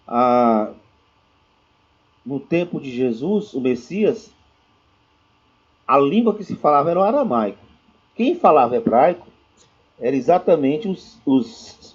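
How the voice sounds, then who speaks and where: A man's voice: mid-range voice, a little mellow, slightly rough. A man teaching a lecture class, explaining step by step with frequent restarts and checking questions. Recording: dull lo-fi recording.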